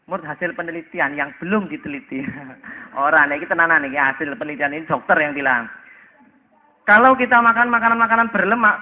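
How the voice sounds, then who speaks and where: A man with a Javanese accent giving a casual, joking sermon as an Islamic preacher, acting out little dialogues. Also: high-pitched. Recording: tinny phone-like lo-fi audio.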